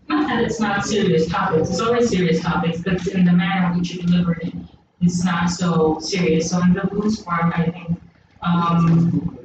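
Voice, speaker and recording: Earnest Ghanaian woman in an echoey room. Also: lowish voice. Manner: earnest, searching, with many ums. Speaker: poet on a panel. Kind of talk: reflective panel discussion. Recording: distant mic in an echoey room, muffled, noisy.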